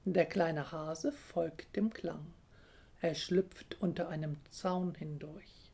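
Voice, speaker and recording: A woman gently reading a children's story in a calm, measured way. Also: deep voice, gravelly, husky.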